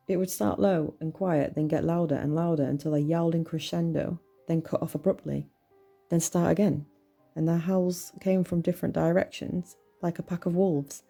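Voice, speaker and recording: Low, gravelly woman narrating horror. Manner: measured, tense storytelling. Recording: soft music bed under voice.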